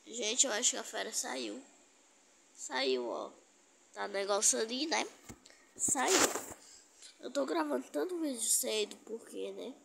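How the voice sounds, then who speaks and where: Gravelly woman commenting on a game. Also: a little high, measured pace, a bit bright, slight background noise. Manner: chatty, talks to viewers, teasing opponents. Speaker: gaming streamer. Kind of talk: casual gameplay commentary.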